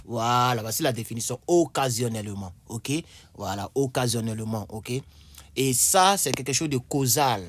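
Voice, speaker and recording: A man giving a casual vocabulary lesson as an English teacher, repeating key words slowly and checking in often, with chatty, apologetic asides. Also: mid-range voice.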